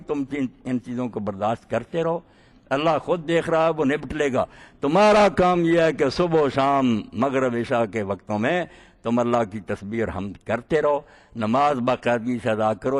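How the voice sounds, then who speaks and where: A man delivering a sermon, telling stories and swinging between quiet passages and emphatic peaks. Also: medium pitch. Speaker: preacher. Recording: long hall reverb.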